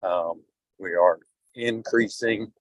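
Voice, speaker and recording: A man calling in on a speakerphone while driving his car, briefing a school board as a district administrator in a halting, filler-heavy way. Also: sits low, dry recording, poor audio. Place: in a moving car.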